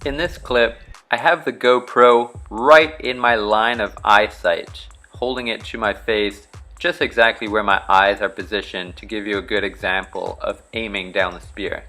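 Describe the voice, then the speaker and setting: A young Bahamian man, a charter fishing captain, giving relaxed step-by-step spearfishing instructions in a vlog. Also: fairly low pitch, a little slow, hardly any pauses, soft background music. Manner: relaxed, practical, step-by-step explaining.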